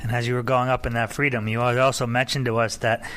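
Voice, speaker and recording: A man co-hosting a radio interview, putting measured, smooth questions to a guest. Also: medium pitch, little pitch movement, a bit bright, slight background noise. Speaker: radio co-host.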